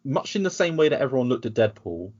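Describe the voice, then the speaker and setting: A man's voice: medium pitch, very animated, quick pace, darkish tone, lo-fi sound. A British man talking in a casual podcast chat, rambling and sarcastic, with frequent restarts. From United Kingdom. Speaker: podcast guest.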